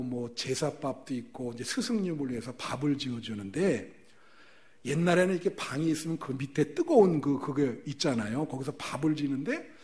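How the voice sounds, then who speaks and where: A male pastor preaching a sermon, telling stories with lively rhetorical questions to the congregation. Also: on the high side.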